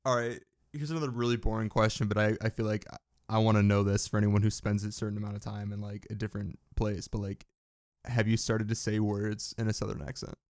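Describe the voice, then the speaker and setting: Relaxed curious male podcast host. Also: on the low side, fast talker, no room sound, clean studio sound. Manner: relaxed, curious, casual swearing. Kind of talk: casual chat.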